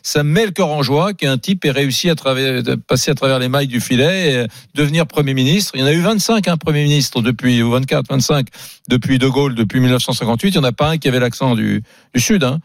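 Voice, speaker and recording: A man's voice: medium pitch, quick pace, dry recording, studio quality. A male radio talk show host from the South of France, chatting casually with many fillers and restarts. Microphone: studio microphone.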